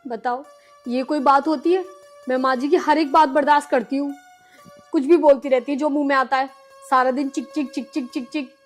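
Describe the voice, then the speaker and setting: A woman's voice: high-pitched, steady tone, normal speed, faint music behind, natural voice. A woman playing a patient, put-upon daughter-in-law. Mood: pleading. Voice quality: pleading, earnest. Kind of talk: rural comedy drama acting.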